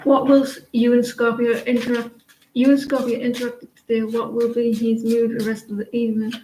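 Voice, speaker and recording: A woman giving a casual live tarot reading, chatty and halting, often trailing off and restarting. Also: fairly high pitch, little pitch movement, mellow. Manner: chatty, halting, sings snatches of songs between readings. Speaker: tarot reader. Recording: echoey room, faint noise.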